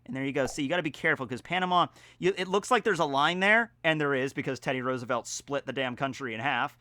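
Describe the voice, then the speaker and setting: A man talking casually in a home vlog, with playful mock-grandiose announcing, theatrical emphasis and drawn-out words. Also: medium pitch, pushed and bright, no echo. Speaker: vlogger. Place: indoors at home.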